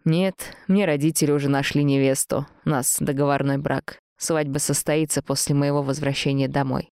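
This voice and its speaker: A woman voicing a calm, dutiful young man, a guard, who speaks in a subdued way. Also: low-pitched, moderate pace, no echo, studio quality.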